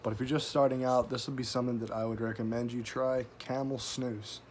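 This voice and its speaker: A man's voice: mid-range voice, little pitch movement, a little fast, a little hiss or hum. A man giving a casual, sweary, folksy review to camera, talking with a tobacco pouch tucked in his lip. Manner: casual, profanity-laden, folksy slang. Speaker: product reviewer.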